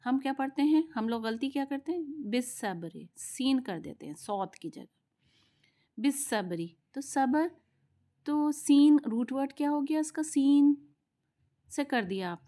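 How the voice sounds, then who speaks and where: A woman teaching tajweed, patiently explaining letter sounds and drawing them out in slow practice drills. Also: high voice, animated, mellow. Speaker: Quran recitation teacher. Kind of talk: tajweed lesson.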